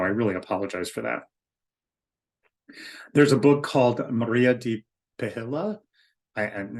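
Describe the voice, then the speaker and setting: A man who is an author and spiritual teacher, explaining in an informal spoken lecture with an earnest tone, often pausing with ums and restarting his sentences. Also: on the low side. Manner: hesitant, with frequent ums and restarts.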